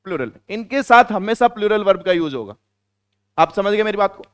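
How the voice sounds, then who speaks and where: A man's voice: sits high, lively intonation, a little fast, a bit bright, smooth, no echo, studio quality. A man from India teaching a grammar class, joking with students and repeating key words as he quizzes them. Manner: playful, joking asides to students.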